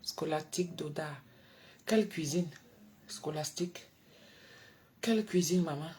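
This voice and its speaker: A woman hosting a late-night live stream from home, reading out viewers' names and answering them, swinging between soft murmurs and loud exclamations. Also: sits low, measured pace, slight background noise. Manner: reads out and answers viewers by name. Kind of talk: casual live-stream chat. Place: her home at night, indoors.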